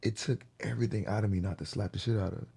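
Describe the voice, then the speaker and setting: Man, podcast host, husky gravelly voice, casual profane slang, storytelling. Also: fairly low pitch, fairly even intonation, rapid-fire, warm tone.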